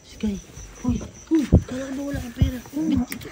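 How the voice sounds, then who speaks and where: A woman vlogger chatting casually, teasing and reacting quickly with laughs. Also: high-pitched. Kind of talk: casual chat. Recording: noisy background.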